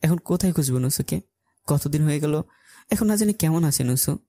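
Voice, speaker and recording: Man, story narrator, dark mellow voice, dry close sound, urgent telling. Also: a little high, lively intonation, a little fast, dry recording. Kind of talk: first-person story narration.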